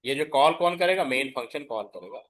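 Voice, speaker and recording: Speaking Hindi peppered with English terms, this middle-aged male computer science teacher walks his classroom through the material step by step and checks that everyone follows. He sounds expressive and fairly quick, with a mid-range, fairly bright voice.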